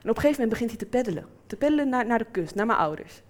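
A woman's voice: on the high side, racing. A woman in her twenties telling a personal story and acting out the people in it. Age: 20s. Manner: lively, acts out quoted voices.

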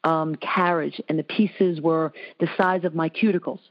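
A woman in her thirties hosting a casual interview, telling stories with lively, animated delivery. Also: moderate pace. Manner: animated storyteller, jumps into high voices for quotes. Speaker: host. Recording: dull lo-fi sound.

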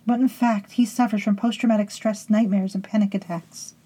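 A woman hosting and narrating a scripted horror story in a hushed, intimate way, sometimes sinking into whispers and calling her listeners beloveds. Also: mid-range voice, steady tone, a little fast, slightly rough, rough recording. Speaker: storytelling host.

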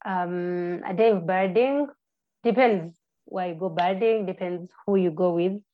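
Ugandan woman, twenties, chatty podcast guest, a bit muffled. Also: on the low side. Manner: friendly, halting, with restarts and fillers. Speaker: podcast guest, birding tour guide. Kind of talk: casual interview answers. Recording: slightly muffled lo-fi audio.

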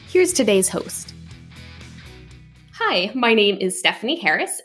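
A woman's voice: mid-range voice, fairly bright tone. A woman hosting a podcast, giving upbeat introductions and asking questions. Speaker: podcast host. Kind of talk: interview.

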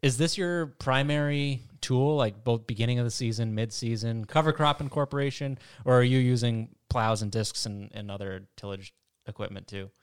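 A man's voice: medium pitch, moderate pace, clear, resonant tone. A man hosting a podcast, asking a farmer straightforward questions with the occasional light joke. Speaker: podcast host. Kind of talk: interviewing.

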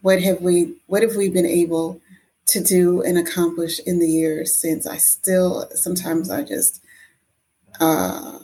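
A woman speaking as a podcast guest, reflecting personally in a measured, affirming way. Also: lowish voice, steady tone, mellow.

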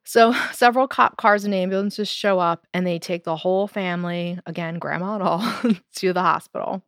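Lowish woman telling a spooky story. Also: normal speed, no room sound, clean studio sound. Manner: animated, laughs while telling, fond of "so" and "like". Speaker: podcast co-host telling the story. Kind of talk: casual storytelling chat.

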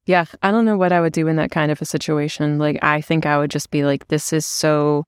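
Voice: medium pitch, steady tone, fast, smooth, no room sound. A podcast host in casual conversation, asking questions and laughing often.

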